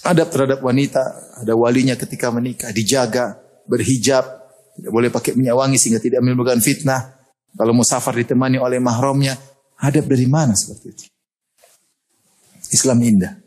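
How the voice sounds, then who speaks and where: A man giving a lively sermon, telling stories in an animated way and laughing often. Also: medium pitch, a little fast. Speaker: preacher.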